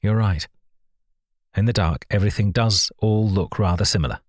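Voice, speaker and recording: A male narrator gives a calm, gentle man trying to settle things down, his low voice soft and kindly. The delivery is husky and close, with a dry, roomless sound. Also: normal speed, no echo, natural voice. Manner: kind, soothing. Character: calm, gentle middle-aged man, peacemaker. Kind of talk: audiobook reading.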